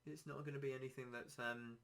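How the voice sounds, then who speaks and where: A man hosting a casual solo podcast, rambling and self-deprecating, his throat a little dry and hoarse. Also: mid-range voice, steady tone, quick pace, a bit bright. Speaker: podcast host.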